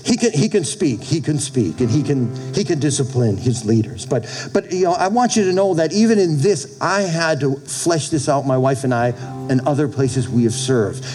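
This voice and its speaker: Middle aged guy pastor preaching kinda conversational, slightly high voice, repeats himself for emphasis, music playing under him. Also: expressive, moderate pace, darkish tone, poor audio. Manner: folksy, emphatic, seeks amens from listeners. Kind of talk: conversational church sermon.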